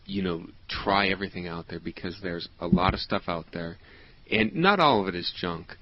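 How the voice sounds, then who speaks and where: A man interviewing a guest, agreeable and halting, with many fillers. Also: low-pitched. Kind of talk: casual promotional chat. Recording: dull lo-fi recording.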